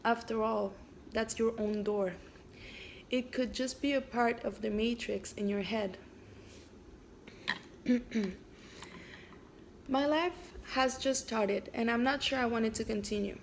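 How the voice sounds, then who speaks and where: She introduces, then haltingly reads, a story of her own, pausing frequently and leaning on fillers. Raised in Canada with French as her first language, she has a fairly high voice, and a little hiss or hum is audible.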